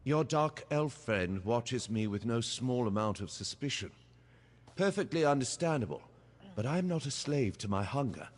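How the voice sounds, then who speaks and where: An actor playing a suave, haughty male vampire in a video game, speaking in a measured, formal and disdainful way. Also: mid-range voice, expressive, big-room sound, natural voice.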